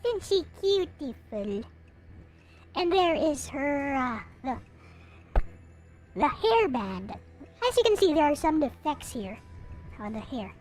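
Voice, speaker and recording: Music runs underneath as this female streamer playfully and casually walks through her collectible anime figures. She's very animated, with a high-pitched voice carrying a darkish tone, and she speaks slowly with frequent pauses.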